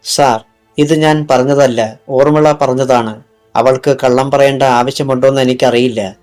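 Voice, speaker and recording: Man reading as a slick doctor, calm polite denials, mid pitch, light music under. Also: unhurried, close to an everyday voice. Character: smooth, evasive male hospital doctor.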